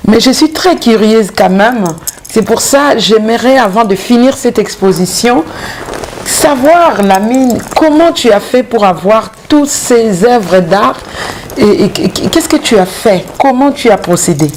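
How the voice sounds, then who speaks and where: A woman's voice: a little high, expressive, unhurried, a little mellow, a little hiss or hum. A woman from Congo, interviewing a collector at an exhibition, formal when addressing the audience and brief in her replies. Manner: attentive, short affirmations, formal announcements.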